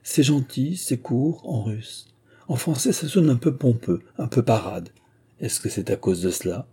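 A man reading aloud as a lively, teasing young Russian princess, in a raised playful voice. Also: mid-range voice, slightly rough, pitched above the performer's own voice, full character voice. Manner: playful, chattering, quick retorts.

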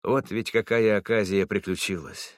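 Man reading a literary audiobook, low and dry. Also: fairly bright tone, no room sound. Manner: measured, earnest storytelling. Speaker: narrator.

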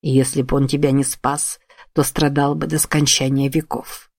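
A woman voicing a male tengu spirit who speaks quietly and calmly. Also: very deep voice, vocal fry, no room sound, studio quality, voice pushed down, heavily acted. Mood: consoling. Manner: quiet, measured.

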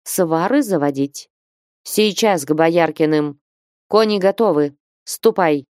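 A woman's voice: sits low, slow pace, a little mellow, no room sound, clean studio sound. A woman voicing a stern older abbess who speaks in a level, imperious way. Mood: stern calm.

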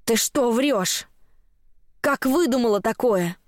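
A woman voicing a spiteful, trembling old woman who hisses her words slowly and menacingly. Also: no echo, clean studio sound, natural voice. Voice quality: hissing, slow and low.

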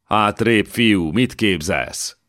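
A man voicing a haughty young German count who speaks with a German accent in a creaking, sneering, pompous manner. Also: on the low side, fairly bright tone, dry recording, clean studio sound, voice pushed up, lightly acted. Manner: pompous, commanding.

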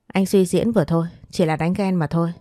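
A woman voicing a calm, defiant young woman who answers with curt retorts. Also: on the low side, brisk, no echo, clean studio sound, soft background music, close to an everyday voice. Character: cool-headed young woman, sharp-tongued and defiant.

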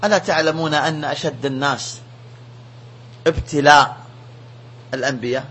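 Husky high-voiced sheikh preaching. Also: male voice, normal speed. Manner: emphatic, animated preaching. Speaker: sheikh giving a religious lesson. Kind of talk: religious lesson.

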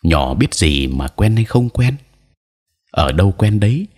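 A man voicing a stern, gruff middle-aged father in an audio story. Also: lowish voice, sing-song, measured pace, a little mellow, voice pushed up, exaggerated voice.

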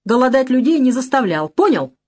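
A blunt, defiant young man with a thief's past, from an audiobook, read by a woman. He talks hard and slow, pressing each word, his tone raised. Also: sits high, big pitch swings, darkish tone, pitched above the performer's own voice. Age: young adult.

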